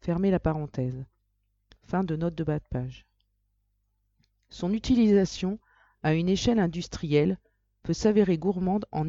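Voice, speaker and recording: A person reading written articles aloud in a dictating manner, scripted and methodical, with a mellow voice. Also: medium pitch, no echo, dull audio. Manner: dictating, speaking punctuation and layout marks aloud. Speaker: reader of a magazine for audio listening.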